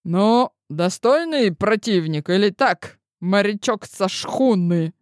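A woman's voice: mid-range voice, lively intonation, slow pace, dry recording. A woman reading the part of a sarcastic grandmother in an audiobook, in a dry, needling manner. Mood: teasing.

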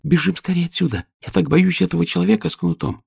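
A man voicing a timid young girl who speaks high, anxious and breathless, with a gravelly edge under it. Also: fast talker, a little mellow, heavily acted. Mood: frightened. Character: timid girl, Olia's mirror twin.

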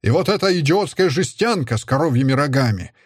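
A furious, scornful father who shouts and sneers, as a male narrator puts him on in a raised, husky voice. His bitterness comes through in every line. The recording is dry and close. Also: mid-range voice, sing-song, moderate pace, dry recording. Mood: bitter. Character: furious stern middle-aged father, a historian.

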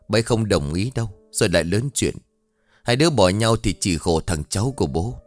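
A man voicing a gentle, worried older father who speaks softly and calmly, in a story reading. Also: on the low side, no room sound, natural voice. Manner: soft, calm and soothing.

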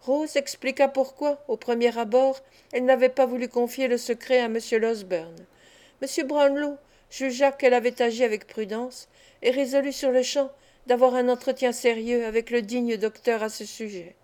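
A woman narrating a classic novel as an audiobook, in a measured, expressive reading. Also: a little high. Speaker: audiobook reader.

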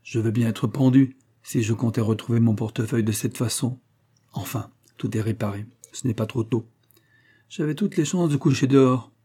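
A man's voice: mid-range voice, moderate pace, warm tone, husky, close to an everyday voice. A man reading an audiobook, voicing a cocky young Parisian street lad who talks in a boastful, slangy way.

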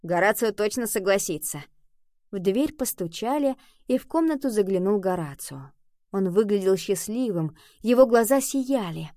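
A woman narrating a children's audiobook, expressive and lively. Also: moderate pace, no echo, studio quality. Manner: expressive, lifting pitch for dialogue.

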